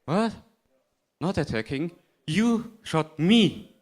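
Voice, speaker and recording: A man's voice: fairly high pitch, animated, slow. A man voicing a defiant young mare. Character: young mare unicorn wanderer, defiant and protective. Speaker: script reader. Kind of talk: live panel script reading.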